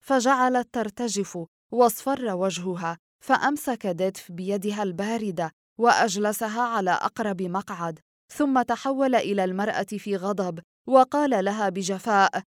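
A woman reading a novel aloud as an audiobook narrator, with steady storytelling. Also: medium pitch, moderate pace, dry recording, studio quality. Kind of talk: scripted narration.

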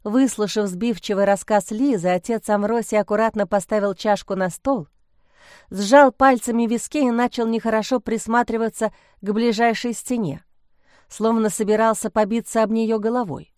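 A woman reading a story aloud as narrator, with an even storytelling cadence. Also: fairly high pitch, moderate pace, no room sound, studio quality. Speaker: audiobook narrator. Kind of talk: scripted narration.

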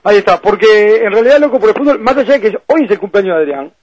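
A Uruguayan man hosting a radio sports show, lively as he leads segments and introduces guests. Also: high voice, fast talker, no room sound. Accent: Uruguayan Spanish.

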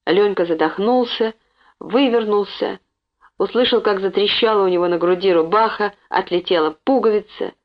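A woman's voice: mid-range voice, moderate pace. Woman narrating an audiobook, lo-fi. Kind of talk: audiobook reading. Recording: dull lo-fi recording.

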